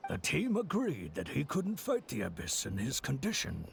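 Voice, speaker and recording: An actor voicing a gravelly old male villager in a video game, recounting events in a measured, solemn way, with game music playing behind. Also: mid-range voice, wildly swooping pitch, heavily acted. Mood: somber recounting. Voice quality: gravelly, creaky.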